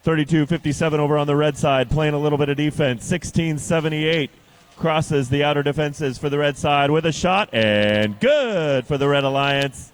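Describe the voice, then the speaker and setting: A man's voice: a little high, clear, resonant tone. A man announcing a live competition like a fighting game announcer, with emphatic calls and play-by-play commentary. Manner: drawn-out, emphatic team-name calls.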